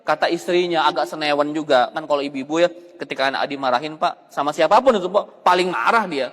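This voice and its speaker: A male preacher telling a story as a sermon, talking in an animated way and often turning to his listeners directly. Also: on the high side, fast. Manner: animated, keeps addressing listeners as "Pak". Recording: long hall reverb.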